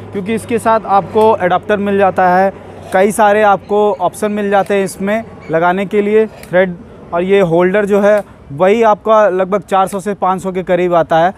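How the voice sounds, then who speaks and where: There's a little hiss or hum on this recording of a young man with a high-pitched voice. He casually reviews and demonstrates a pressure washer gun while washing a car outdoors in a yard, chatting to viewers as friends with the camera a few steps away.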